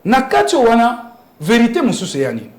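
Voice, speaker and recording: In an animated political interview, this Congolese-accented guest's very high voice swoops wildly in pitch at a slightly fast clip. He argues emphatically, tossing out rhetorical questions, and the sound is roomy.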